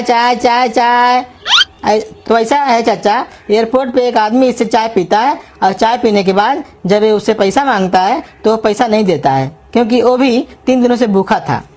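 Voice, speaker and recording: A woman voicing a scheming young man who coaxes and flatters to get free food in a comedy cartoon. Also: on the high side. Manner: coaxing, flattering, persuasive. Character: scheming young man, sweet-talking and crafty. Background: music.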